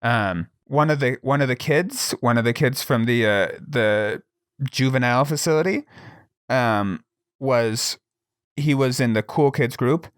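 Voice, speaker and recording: A young adult man, a podcast guest, telling a comedic story in a casual, animated way, laughing and swearing as he goes. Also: medium pitch, a little slow, clear, resonant tone, dry recording, clean studio sound.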